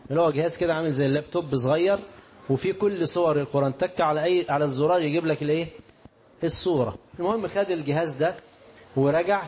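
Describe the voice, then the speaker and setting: A man's voice: fairly high pitch, a little mellow, a little hiss or hum. A male preacher with an Egyptian accent delivering a sermon, telling stories that mix classical quotations with colloquial asides to his listeners. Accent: Egyptian Arabic. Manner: storytelling, mixing classical quotes with colloquial asides to the audience.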